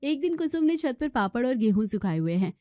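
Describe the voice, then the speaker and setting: Female narrator, scripted story reading, fairly high voice, dry close mic. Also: sing-song, a little fast, warm tone, no echo.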